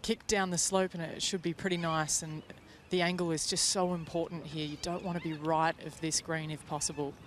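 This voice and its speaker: A man's voice: fairly high pitch, little pitch movement, a little fast, hardly any pauses. A man giving shot-by-shot golf commentary from out on the course. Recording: loud outdoor background noise.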